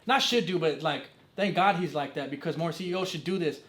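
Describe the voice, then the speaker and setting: Fast-talking, high-voiced passionate rapper. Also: male voice, roomy sound. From Southern California. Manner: passionate, animated, heavy street slang and swearing. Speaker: rapper, interview guest. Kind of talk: casual interview talk.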